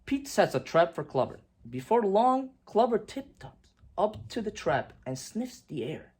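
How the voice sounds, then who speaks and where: A woman reading a children's picture book aloud in an animated, expressive way with emphatic swings and hushed drops. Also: mid-range voice, unhurried, slightly rough.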